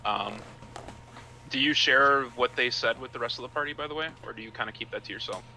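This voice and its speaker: Bright-voiced man running a tabletop game. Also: mid-range voice, fairly quick, vocal fry, a little hiss or hum, poor audio. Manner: filler-heavy, repeats words. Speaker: game master.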